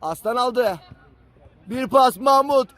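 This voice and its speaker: A man commentating live on an amateur football match, screaming drawn-out goal calls. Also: high voice, a bit bright, dry recording, some chatter behind.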